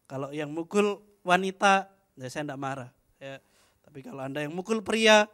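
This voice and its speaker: High-voiced joking young preacher. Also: male voice, a bit bright. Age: young adult. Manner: chatty, joking, frequent tag "ya". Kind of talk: youth fellowship sermon, casual storytelling.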